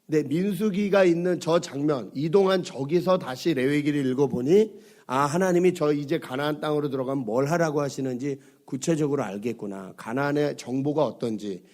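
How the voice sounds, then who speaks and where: In a church sanctuary, a middle-aged pastor with a cold-roughened, hoarse voice preaches a Sunday sermon, chatting informally with lots of fillers and putting questions to the congregation. His voice is mid-range with a dark tone.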